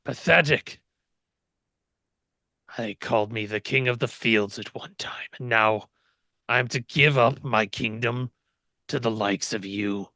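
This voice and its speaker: A man's voice: fairly low pitch, steady tone, bright, forceful tone, dry recording. A man as game master narrating in character, voicing a proud, bitter, centuries-old fallen fantasy king with haughty, menacing delivery. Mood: scornful. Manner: haughty, menacing, slow declamation.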